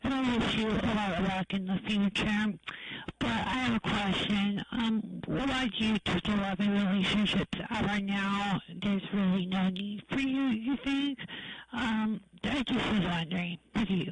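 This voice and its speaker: A woman's voice: medium pitch, fairly even intonation, a little slow, low-quality recording. A woman calling in to a show to scold the host in a confrontational way. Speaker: caller.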